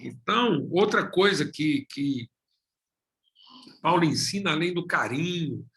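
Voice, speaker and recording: A middle-aged pastor with a Brazilian Portuguese accent preaches in a bright, forceful voice. He talks emphatically, building lists of repeated phrases and pausing for effect. His voice sits a little higher than most men's. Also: lively intonation. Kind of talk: sermon.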